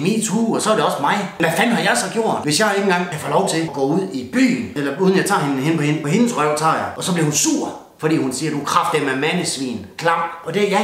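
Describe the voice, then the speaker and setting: A man's voice: fairly high pitch, fairly bright tone. Rowdy swearing Jutlandic man, roomy echo. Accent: Jutlandic Danish. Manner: swears constantly, blunt and rowdy, toasts with a beer. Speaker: comedian doing a mock New Year's speech. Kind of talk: crude comic rant.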